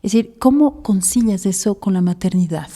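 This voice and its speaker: A woman hosting a podcast interview, asking questions in a measured, attentive manner. Her voice is mellow and warm, at a middle pitch. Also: animated.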